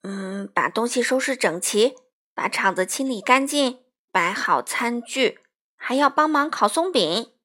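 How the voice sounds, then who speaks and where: A woman voicing a busy mother animal in a storybook, gentle and motherly in her praise. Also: a little high, animated, measured pace, full character voice. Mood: brisk.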